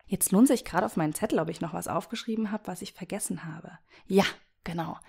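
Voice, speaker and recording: A woman with a scratchy, hoarse voice from a cold, hosting a solo advice podcast and chatting directly to the listener as a voice coach. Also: on the low side, quick pace, a little mellow.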